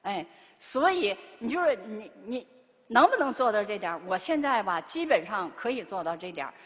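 A woman's voice: medium pitch, very animated, normal speed. An older woman giving a Buddhist dharma talk as lay teacher, pressing listeners with rhetorical questions. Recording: reverberant hall.

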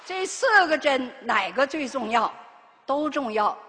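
A woman's voice: high voice, big pitch swings, measured pace, sharp tone, a little hiss or hum. An older woman giving a Buddhist dharma talk as lay teacher, pressing listeners with rhetorical questions. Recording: reverberant hall.

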